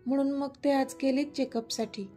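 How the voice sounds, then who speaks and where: A woman voicing a calm, caring middle-aged mother who explains things soothingly. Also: sits high, normal speed, soft background music, natural voice.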